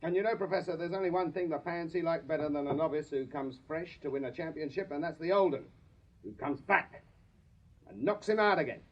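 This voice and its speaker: In a radio drama, a male actor plays a shrewd Victorian police sergeant, speaking clipped, plain-spoken English with drily insolent deference and a knowing, accusing mood. His natural voice is fairly high-pitched and a little fast. The radio recording sounds slightly dull.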